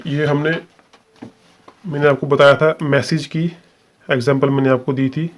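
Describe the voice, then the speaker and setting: A man's voice: fairly high pitch, little pitch movement, normal speed. A man teaching a shorthand lesson, explaining step by step in a patient, repetitive way and often checking in with the class.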